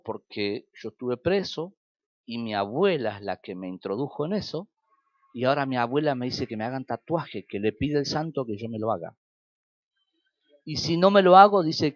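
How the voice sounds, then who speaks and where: A man's voice: medium pitch, expressive, brisk, darkish tone, dry recording, lo-fi sound. A man with an Argentine Spanish accent preaching a sermon as pastor, telling stories and acting out quoted dialogue with sudden rises and drops.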